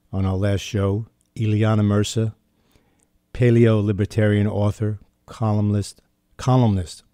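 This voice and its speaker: A man's voice: fairly low pitch, mellow, no room sound, studio quality. A man hosting a talk radio show, friendly and plain-spoken.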